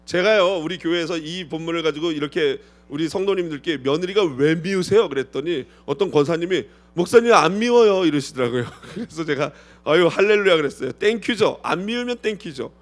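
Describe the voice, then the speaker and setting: A male pastor preaching an expository sermon, posing rhetorical questions to the congregation and acting out quoted voices with sudden swings in loudness. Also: fairly high pitch, fairly quick, hardly any pauses.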